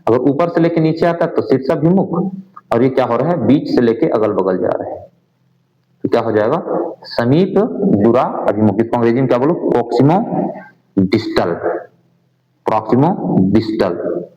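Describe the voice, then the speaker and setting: A man's voice: medium pitch, expressive, fairly quick, pauses often, warm tone. A male coaching teacher working through exam answers in Hindi, mixing in English terms and asking his class questions that he answers himself. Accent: Hindi, sprinkled with English exam terms. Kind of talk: answer-key lesson walkthrough. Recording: dull, roomy lo-fi sound.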